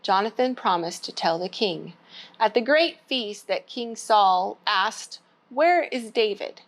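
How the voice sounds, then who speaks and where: Unhurried and mid-range in voice, a church storytime host reads a picture book to young children, keeping her words simple and speaking straight to them.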